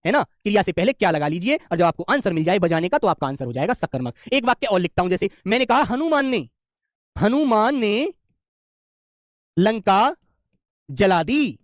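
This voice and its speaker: A man's voice: sits high, very animated, quick pace, few pauses, no room sound, studio quality. A man teaching an exam-prep class in a fatherly, coaxing way, often asking "hai na?" and calling his students beta. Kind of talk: online class lecture.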